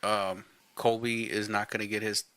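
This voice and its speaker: Blunt low-voiced man, dry close mic. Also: level tone, moderate pace, fairly bright tone, clear, resonant tone, no room sound. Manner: blunt, opinionated, swears casually. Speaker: podcast co-host. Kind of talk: casual sports podcast chat.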